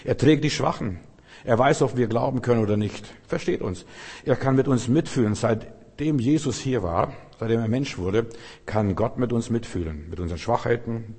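A man's voice: medium pitch, moderate pace, a little mellow, slightly rough. A middle-aged man preaching a sermon with fervor, calling on the congregation for responses. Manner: fervent, calls to the congregation for responses. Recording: long hall reverb.

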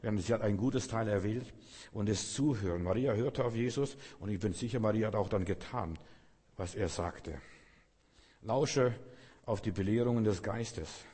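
A man delivers a sermon in an earnest, direct way, speaking straight to his listener. His voice is low and husky. The sound rings with a long reverb. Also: moderate pace, mellow. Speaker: preacher.

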